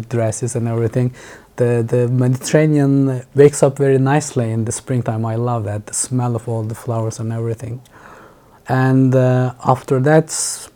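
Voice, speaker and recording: A man with a Turkish accent and a mellow, dark voice talks as a podcast guest. He recalls things in a thoughtful, unhurried way, pausing and restarting his sentences often. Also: medium pitch. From Turkey. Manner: thoughtful, many restarts and fillers. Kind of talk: casual interview chat.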